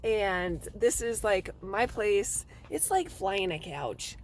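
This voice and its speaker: A woman vlogger, hoarse and raspy from seasonal laryngitis, chatting casually outdoors beside her car with a self-joking manner and many fillers. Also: medium pitch, lively intonation, takes it slowly, slight background noise. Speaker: real estate vlogger. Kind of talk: casual vlog talk.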